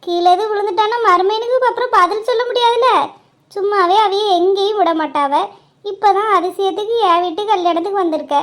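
A woman's voice: extremely high pitch, fairly quick. A woman voicing a bossy, fussing middle-aged mother who scolds her family. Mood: fretful. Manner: scolding, chiding. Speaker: voice artist playing a mother.

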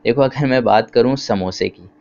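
A man gives a grammar lesson, explaining points patiently and checking with simple questions. His voice sits at an ordinary middle pitch. The recording sounds dull and lo-fi. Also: normal speed, darkish tone, a little hiss or hum. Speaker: teacher. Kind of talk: grammar lecture.

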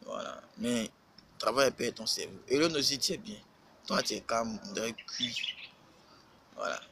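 Man, gravelly voice, scolding and repetitive, faint hiss behind. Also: medium pitch, lively intonation, moderate pace, sharp tone, poor audio. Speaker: rapper. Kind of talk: casual live-stream rant.

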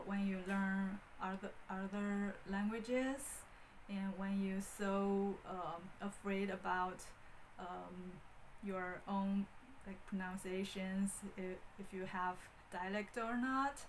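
Holding a wired handheld microphone in a small room, a Beijing woman in her thirties chats casually to camera in Mandarin-accented speech. She's slow and hesitant, pausing often, with lots of ums and restarts, her voice medium in pitch. Poor audio quality leaves a faint hiss under her speech.

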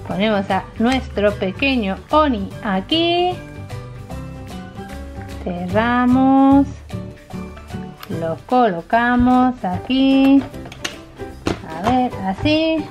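A woman with a Spain Spanish accent hosting children's toy videos in a playful, exclamatory, squeaky sing-song manner. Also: lively intonation, extremely slow, long pauses, a little mellow, muffled recording. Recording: music behind the voice.

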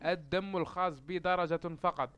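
A young man giving let's-play commentary in formal Standard Arabic, excitable and yelling in panic when zombies attack, with joking asides to his viewers. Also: high-pitched, normal speed. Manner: speaks formal Standard Arabic to reach all Arabs. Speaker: gaming YouTuber.

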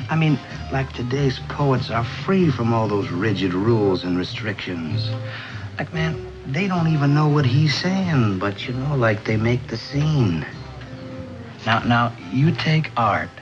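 A middle-aged American actor playing a self-important, laid-back beatnik club owner who jive-talks in rambling hipster slang in a 1950s TV drama. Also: male voice, mid-range voice, lively intonation, takes it slowly. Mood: hip, smug. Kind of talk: 1950s television drama acting. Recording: dull vintage TV soundtrack, music behind.

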